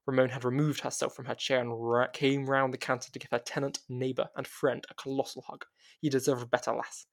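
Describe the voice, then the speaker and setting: A man narrating a storybook in a steady, plain reading voice at a middling pitch. He reads evenly and calmly, now and then catching and restarting a word. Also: fairly quick, hardly any pauses.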